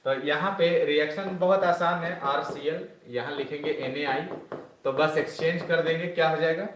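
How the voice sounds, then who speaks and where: Guy teaching chemistry online, highish voice, makes the kids shout stuff back, scolds them a bit. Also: fairly even intonation, moderate pace, background noise. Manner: loud call-and-response drilling, chiding students. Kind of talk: online class lecture.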